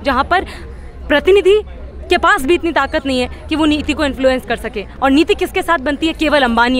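Young woman, student activist, high-pitched, fiery and rhetorical, outdoor protest interview, handheld press mics. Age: young adult. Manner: fiery, rhetorical, many fillers and restarts. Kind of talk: impassioned street interview. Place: outdoor street protest in a crowd. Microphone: several handheld press mics held close.

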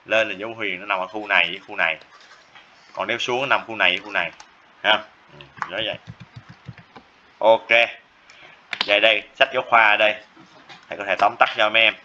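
Male teacher, lowish and forceful, keeps repeating and checking in with students; muffled lo-fi classroom capture. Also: fairly even intonation, a little fast, long pauses. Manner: repetitive, checks in with students often. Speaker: math teacher. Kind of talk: classroom lecture. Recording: dull lo-fi classroom recording with faint noise.

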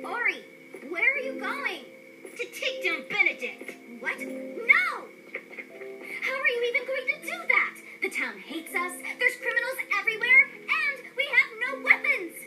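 An actress playing a young, earnest, emotional cartoon heroine, dramatic, heard from a television. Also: female voice, extremely high pitch, very animated, measured pace, full character voice, poor audio. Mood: distressed, urgent. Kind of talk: animated cartoon acting. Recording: played from a television, re-recorded. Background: cartoon music.

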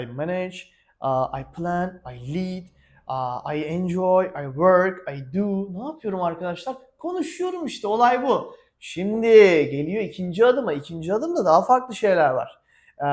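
A man with a Turkish accent teaching a casual spoken English lesson, energetic, slipping English phrases into his Turkish. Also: fairly high pitch.

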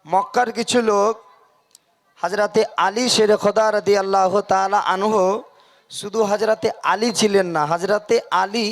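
A man preaching a sermon at a religious gathering over a PA microphone, singing drawn-out devotional verses and calling on the crowd to answer aloud. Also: high voice, fairly even intonation. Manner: chants drawn-out devotional verses, then preaches in quick bursts; calls on the crowd to respond aloud. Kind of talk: Bengali waz sermon with sung verses.

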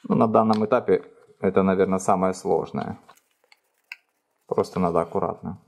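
A middle-aged man calmly explaining each fold in a step-by-step origami tutorial, recorded indoors at a table. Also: deep voice, moderate pace, gravelly. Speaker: origami instructor. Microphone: overhead camera framing hands only.

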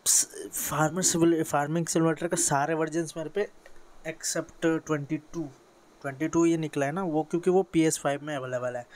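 Slightly high-voiced and recorded with a bit of background noise, a teenage boy from India rambles through a casual screen-captured tutorial for a mobile game. He's in his bedroom under a running fan, filling his speech with fillers and self-corrections.

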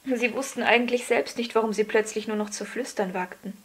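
A woman giving a calm, measured scripted narration of a children's story. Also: a little high, slight background noise. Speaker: audiobook narrator.

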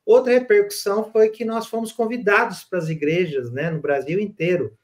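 A Brazilian man with a notably high-pitched speaking voice recounts past events on a podcast. He talks in an animated, storytelling way, often stopping to restart his sentences. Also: normal speed. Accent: Brazilian Portuguese. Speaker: podcast host. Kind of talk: casual storytelling conversation.

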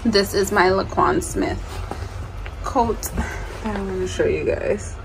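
A woman in her thirties vlogs from her bedroom at home, chatting casually and tiredly to the camera with lots of ums and likes. Her mid-range voice is slow and creaky, with background noise in the recording.

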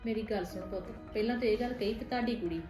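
A woman playing a patient stepmother who softly coaxes and pleads with her stepson in a homemade family drama. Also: medium pitch, rapid-fire, natural voice. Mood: pleading, gentle. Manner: soft, coaxing, affectionate pleading. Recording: roomy room with faint music.

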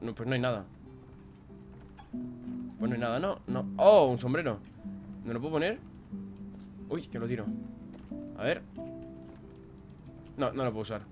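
A young man from talks through his gameplay, mostly under his breath as he thinks aloud. He breaks into sudden excited shouts, and his voice sits at an ordinary middle pitch. Game music with plucked guitar plays clearly behind him. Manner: chatty, muttering to himself, bursts of excited yelling. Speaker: gameplay youtuber. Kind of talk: let's play commentary.

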